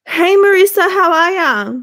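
Speaking at a normal speed with a very high, fairly bright voice and lively intonation, a twenty-something Australian woman chats casually with viewers by name on a livestream. She's indoors in her small bedroom and sounds stuffy from a sore throat.

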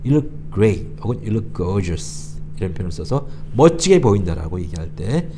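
Male tutor, mellow and lowish voice with lively swings, patiently drilling phrases for repetition. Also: a little slow, a little hiss or hum. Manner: patient, repeats phrases for learners to copy. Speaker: English tutor. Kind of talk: explanatory language lesson.

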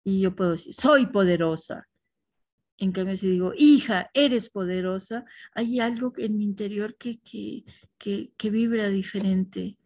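Woman, class teacher, mellow warm tone, dry close sound, thoughtful, pauses and restarts. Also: mid-range voice, fairly even intonation, no room sound. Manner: thoughtful, with restarts and soft affirmations.

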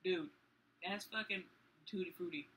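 A young man complaining and swearing loudly while joking with friends. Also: sits high, normal speed, a little hiss or hum, poor audio. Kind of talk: casual chat among friends.

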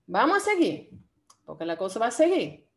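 A playful, chatty woman with a Dominican accent leads an online language class. Her voice sits a little high and stays lively. She talks to her students in a friendly, easygoing way. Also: normal speed. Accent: Dominican Spanish. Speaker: Dutch teacher.

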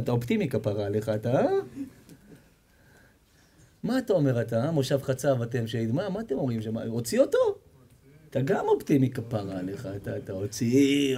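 A man's voice: medium pitch, breathy edge. A man, a rabbi, giving a sermon full of stories, acting out the characters and joking with the audience. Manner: animated storytelling, acts out characters, jokes and quizzes the audience. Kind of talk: sermon with storytelling.

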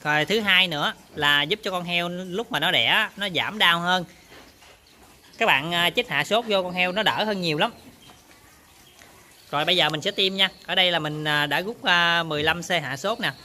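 A man's voice: high-pitched, normal speed, bright, forceful tone, a little hiss or hum. A man casually talks viewers through work in his pig barn, often turning to address them. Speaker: pig farmer vlogger. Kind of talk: casual on-farm demonstration.

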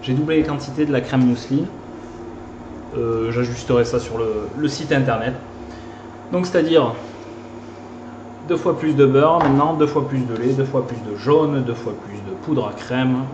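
A man's voice: medium pitch, dull audio. A man with a Toulouse accent teaching a live pastry lesson, chatting as he whisks and stirs at the stove. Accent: Toulouse French. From southern France. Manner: chatty, talks while whisking and stirring. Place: kitchen. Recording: echoey kitchen with clear background noise.

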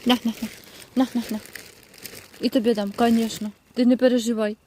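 Woman, with mixed in, higher register, soothing baby talk to animals, recorded outdoors. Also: level tone, a little fast, dark tone, slight background noise. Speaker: vlogger feeding stray dogs. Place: outdoors by a roadside dump. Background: faint outdoor ambience, dogs and crows.

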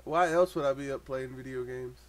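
A man's voice: medium pitch, brisk. A young man chatting crudely with a friend while playing a video game, laughing often and yelping now and then. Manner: loud, laughing, crude, with sudden yelps. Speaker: gaming channel host. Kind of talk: casual gaming chat with a friend.

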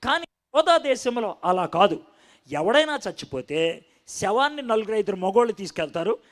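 A man preaching a Bible-teaching sermon with a high voice. He tells the passage as a story and keeps checking in with his listeners through questions. His pitch rises and falls in wide, expressive swings. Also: normal speed. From India.

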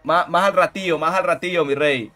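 Man, streamer, slightly high voice, excitable, slangy, fighting-game commentary, game music behind. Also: a little fast. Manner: excitable, slangy, greets chat by name. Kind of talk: live gameplay commentary.

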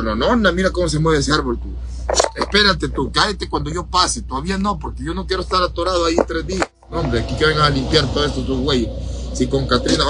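A Salvadoran man with a Salvadoran Spanish accent, a truck driver vlogging live from his cab in a storm, excitable and joking. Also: a little high, slight background noise, low-quality recording. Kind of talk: casual live driving vlog. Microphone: phone held on the dashboard.

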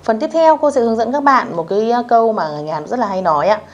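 A woman teaching beginners a language lesson, speaking patiently, repeating phrases slowly and checking that her students follow along. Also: a little high, expressive, lo-fi sound.

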